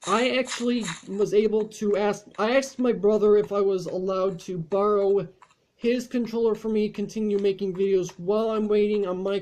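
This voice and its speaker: A man's voice: high-pitched, warm tone. A man chatting casually over gameplay as a channel host, rambling along with frequent fillers and restarts.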